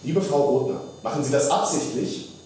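A man's voice: mid-range voice, moderate pace, darkish tone, slight background noise, close to an everyday voice. A man acting a wry, analytical email writer in a stage monologue. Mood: teasing, deductive. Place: theater rehearsal stage. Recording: echoey stage, distant mic.

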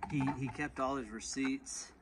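Speaking a little slowly with a steady, medium-pitched voice, a chatty man from Texas films a storage unit for his reselling vlog. He addresses viewers as y'all, starting outdoors at the unit and ending up inside a truck, over faint background noise.

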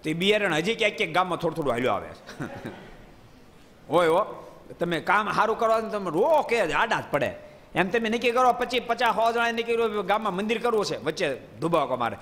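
A man giving a devotional storytelling sermon in a hall, lively and often quizzing his listeners with playful asides. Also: high voice, fairly quick. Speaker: preacher. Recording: long hall reverb.

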